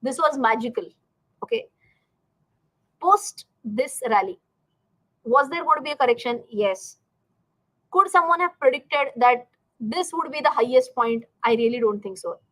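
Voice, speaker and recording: A woman's voice: high voice, a little slow, long pauses, rough recording. A woman with an Indian accent hosting a live-streamed lesson, speaking emphatically to her learners and often posing questions she answers herself. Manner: animated, emphatic, asks and answers own questions; addresses learners directly, checks in with "right" and "okay". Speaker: finance teacher and live stream host. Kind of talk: live stream lesson, chatty explanation to viewers.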